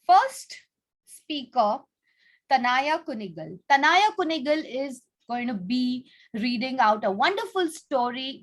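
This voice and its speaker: This woman's voice sits on the high side, and the recording quality is poor. As a contest host and teacher on an online video call, she instructs children, laying out the rules and prompting them with questions.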